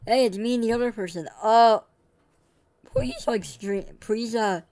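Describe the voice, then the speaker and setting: A young man's smooth, slightly mellow, high-pitched voice carries at a measured pace as he streams a game. He rambles casually to his viewers, correcting himself and talking to chat between reactions.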